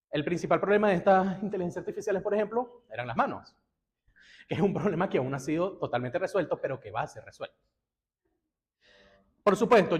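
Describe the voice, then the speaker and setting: A man's voice: high voice, darkish tone. A young man giving a conference talk to a live audience, telling it like a story and acting out his own reactions. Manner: casual storytelling with acted-out reactions. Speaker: guest lecturer.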